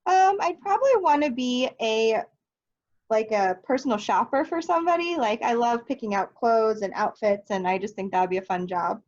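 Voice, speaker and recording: Fairly high-pitched and a little mellow at a normal pace, a young third grade teacher from Nebraska, United States, cheerfully takes interview questions with an easygoing manner and light laughs. The audio is lo-fi.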